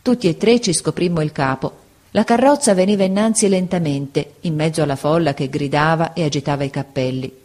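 A woman narrating an audiobook with a vivid, expressive reading. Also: sits low, fairly quick. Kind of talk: scripted narration.

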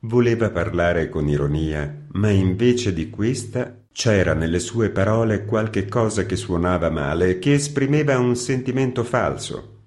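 A man narrating a classic short story in a measured, even manner. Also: fairly low pitch. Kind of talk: scripted audiobook narration.

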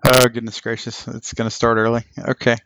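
Gravelly middle-aged man hosting a podcast. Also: mid-range voice, monotone, a little fast, a bit bright, no room sound, soft background music. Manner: folksy, joking. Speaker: podcast host. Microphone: online voice chat, close. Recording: dull, lo-fi voice chat.

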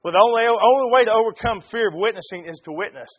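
High-pitched Southern preacher man, muffled recording. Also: quick pace, husky. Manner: emphatic, folksy preaching. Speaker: pastor. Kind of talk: church sermon.

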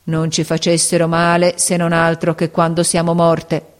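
A woman's voice: on the low side, monotone, moderate pace, lightly acted. A woman voicing a sinister, scornful middle-aged woman lying sick in a hospital bed, mocking and moaning in pain.

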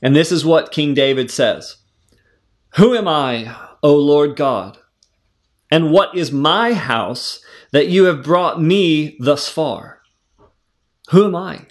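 A preacher, a man with a slightly high and animated voice, gives a devotional Bible teaching. He is earnest and conversational, using fillers and restarts, and he slows down whenever he reads verses aloud.

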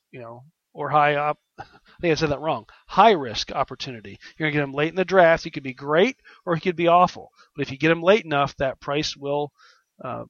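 A man's voice: fairly high pitch, dry recording. A man giving informal sports analysis as a regular radio contributor. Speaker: baseball analyst and columnist. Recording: slightly dull, muffled line.

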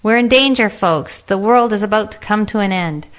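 A woman's voice: lowish voice, fairly even intonation, moderate pace, fairly bright tone. A woman voicing a frantic, flustered male red dragon in a storybook reading, urgent and exasperated. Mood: alarmed.

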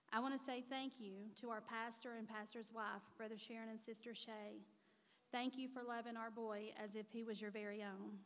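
A woman gives an earnest, heartfelt tribute speech as the mother of the honoree, reading from notes at a church gathering. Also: on the high side. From Missouri. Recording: reverberant hall.

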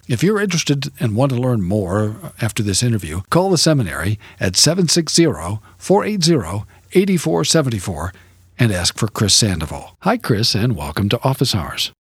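Husky-voiced male radio host. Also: medium pitch, no echo, studio quality. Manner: formal, measured introductions and questions. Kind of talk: radio interview hosting. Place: radio studio.

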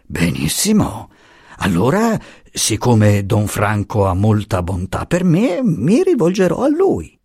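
A man's voice: on the low side, wildly swooping pitch, darkish tone, husky, no room sound, studio quality, exaggerated voice. A man voicing a sly, fawning older man who coaxes secrets with honeyed, insinuating talk. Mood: coaxing. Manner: honeyed, coaxing, slow and insinuating.

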